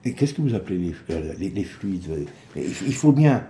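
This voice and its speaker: A man's voice: lowish voice, big pitch swings, normal speed, dark tone, a little hiss or hum. A male radio host chatting with a doctor, stammering and restarting, bursting into emphatic questions. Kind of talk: radio call-in chat with a doctor.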